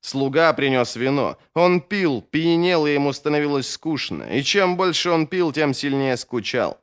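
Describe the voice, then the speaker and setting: A man narrating a fantasy novel as an audiobook reader in an expressive, scripted style. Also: fairly high pitch, unhurried, clear, resonant tone. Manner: expressive, varied intonation.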